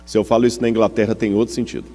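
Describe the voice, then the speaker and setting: A man's voice: fairly low pitch, flat delivery, racing, mellow. A man with a Brazilian Portuguese accent preaching a teaching sermon to a congregation. He explains step by step and often checks in with his listeners through questions. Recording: long hall reverb.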